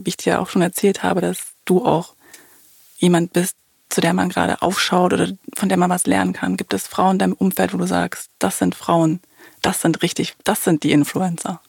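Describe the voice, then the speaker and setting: Guy asking interview questions, politely, kinda hesitant, high flat husky voice. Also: a little fast, no echo.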